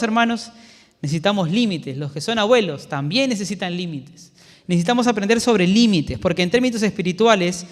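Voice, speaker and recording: Man, Peruvian accent, pastor, earnest sermon, fairly high voice, long hall echo. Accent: Peruvian Spanish. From Peru. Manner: earnest, preacherly, drops into soft storytelling. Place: church sanctuary. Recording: long church hall reverb.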